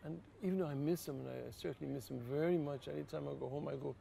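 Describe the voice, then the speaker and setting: An older Irish priest with a deeply gravelly, fry-laden voice tells personal stories in an interview. He speaks earnestly and quietly, with a faint hiss of room noise behind him. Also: quick pace. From Ireland. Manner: earnest, quietly emotional, rises to lively laughter. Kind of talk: reflective personal storytelling in an interview.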